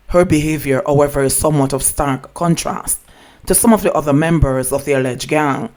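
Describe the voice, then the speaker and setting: A man reading a scripted news report in a formal, measured manner. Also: on the high side, darkish tone. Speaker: news narrator.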